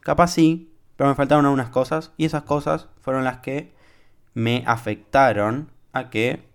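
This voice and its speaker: A man's voice: mid-range voice, fairly even intonation, moderate pace, clear, resonant tone. Young Argentine man hosting a casual podcast. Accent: Argentine Spanish. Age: young adult. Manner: informal, talks straight to the listener, many fillers. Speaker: podcast host. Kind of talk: casual solo podcast monologue.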